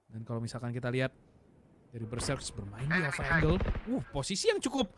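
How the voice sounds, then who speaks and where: An Indonesian man commentating an esports match like an excited game announcer, in a slangy, emphatic, analytical way. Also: mid-range voice, brisk, noisy background.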